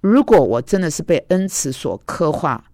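A woman's voice: low-pitched, sing-song, normal speed, mellow, no room sound, clean studio sound. A woman preacher giving a conversational, storytelling sermon, recounting arguments and dialogues from her own life.

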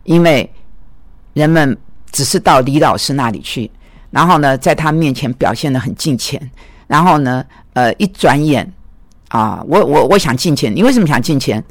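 A man teaching biblical counseling, telling anecdotes in an animated way and voicing quoted dialogue. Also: a little high, moderate pace, dry recording. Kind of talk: lecture with personal anecdotes.

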